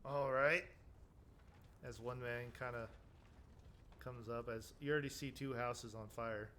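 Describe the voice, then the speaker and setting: A man narrating as game master, casual and halting, often searching for words. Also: mid-range voice, fairly even intonation, sharp tone.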